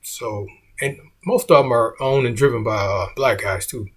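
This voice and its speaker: A man's voice: medium pitch, normal speed, slightly rough. A middle-aged man, a comedian, telling a story in a laid-back way and saying "man" often.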